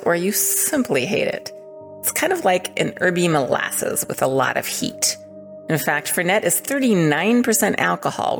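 An American woman presenting a scripted comic segment in a dry, wry way. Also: low-pitched. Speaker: podcast contributor.

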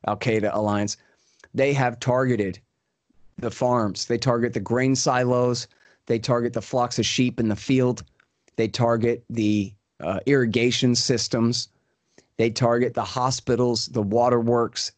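A man's voice: medium pitch, dry recording. A man giving emphatic political commentary, with fillers and repeated points. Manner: emphatic, repetitive, fast-talking with fillers. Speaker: guest commentator.

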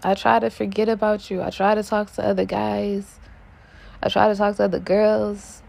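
A woman's voice: medium pitch, level tone, normal speed, gravelly, a little mellow. A woman vlogger rambling casually to her viewers, musing aloud and correcting herself as she goes. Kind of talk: casual rambling chat to camera.

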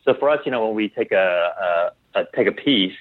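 Talking a little fast with lively intonation, a low-voiced clothing company founder gives casual interview answers. He thinks aloud and often repeats his words, and the recording is dry and phone-quality.

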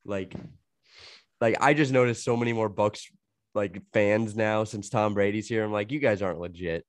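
A man's voice: on the low side, moderate pace, dry recording, clean studio sound. A young man co-hosting a podcast in casual chat, sick with a cold and coughing, rambling with lots of "like" and laughing as he talks. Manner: rambling, heavy filler "like", laughs a lot. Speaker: podcast co-host.

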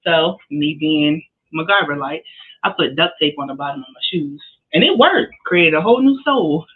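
A woman's voice: low voice, lively intonation, moderate pace, slightly rough. A woman co-hosting a podcast, telling casual stories and laughing often as she talks. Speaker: podcast co-host. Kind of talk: casual storytelling. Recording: tinny phone-like line.

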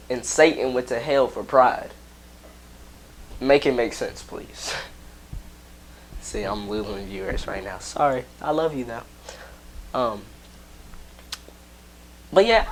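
Pastor, male, slow unhurried delivery, casual rambling preaching to camera, breaks off mid-thought. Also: on the high side, fairly bright tone, slight background noise. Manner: rambling, self-interrupting, laughs at himself.

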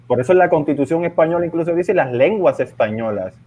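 A man from Puerto Rico with a Puerto Rican Spanish accent, partly softened by years in Spain, speaking as a guest in a casual conversation and explaining things at a measured pace. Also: fairly high pitch, animated. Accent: Puerto Rican Spanish, partly softened by living in Spain. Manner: explanatory, measured, chuckles often. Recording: tinny phone-like remote line.

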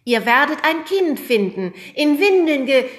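A woman voicing a little girl who plays the head angel in a school nativity play, proclaiming slowly in a storybook reading. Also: high voice, sing-song, pitched above the performer's own voice. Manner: slow, drawn-out proclaiming.

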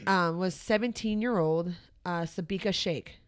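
An American woman co-hosting a podcast, chatting casually with lots of fillers and sudden lively jumps in pitch. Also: a little slow, clear, resonant tone. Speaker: podcast co-host. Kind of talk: casual chat.

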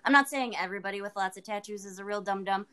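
A woman's voice: medium pitch, quick pace, a bit bright, clean tone. A woman co-hosting a casual chat, telling candid, crude dating stories and laughing often.

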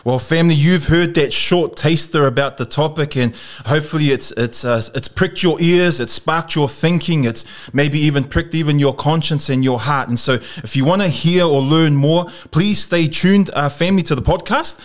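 Pacific islander kiwi guy hosting a church podcast, bit high voice, preachy phrasing with lots of uhs. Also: normal speed, few pauses. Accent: Pacific Islander New Zealand. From South Auckland, New Zealand. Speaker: podcast host.

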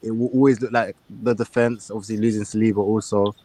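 A man's voice: on the low side, little pitch movement, quick pace, warm tone, a little hiss or hum. A man with a London accent chatting casually as a football fan, slangy and peppering his talk with "like". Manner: slangy, filler-heavy with frequent "like". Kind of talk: casual chat.

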